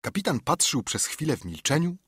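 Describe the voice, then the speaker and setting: A man reading an audiobook in measured, even storytelling narration, recorded on a studio mic. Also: a little high, slightly rough, no room sound. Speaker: audiobook reader. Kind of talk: scripted narration.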